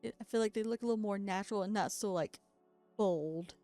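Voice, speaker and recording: With soft music underneath, a woman talks casually through customizing a doll, her mid-range, mellow voice moving fairly quickly. She's very tired from staying up all night, so her voice keeps cracking, and she often laughs at herself as she chats.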